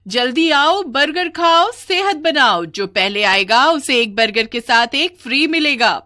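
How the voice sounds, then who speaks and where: A woman voicing a fat, spiteful female witch in a cartoon who sells burgers, calling out loudly and gloating with a cackle. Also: high-pitched, animated, a little slow, voice pushed up, exaggerated voice. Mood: hawking. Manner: loud hawker's calls, cackling, spiteful gloating. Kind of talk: cartoon voice acting.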